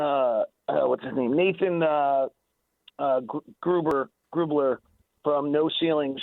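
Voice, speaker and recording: Heard through a tinny phone-like connection, a man with a fairly high, gravelly voice guests on a radio show. His sports analysis is conversational yet emphatic and argumentative, and he repeats himself for stress.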